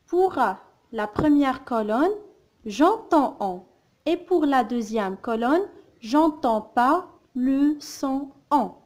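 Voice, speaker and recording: A woman teaching a phonics lesson, sounding out words and syllables slowly and repeating them. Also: high-pitched, lively intonation, darkish tone. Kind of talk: slow, careful phonics lesson.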